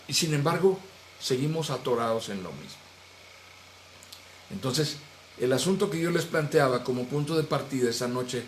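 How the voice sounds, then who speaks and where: A male pastor teaching a Bible study in earnest, raising his voice on some phrases and dropping low and soft at the ends of others. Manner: earnest, swings between raised animated phrases and low soft trailing endings. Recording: echoey room, faint background noise.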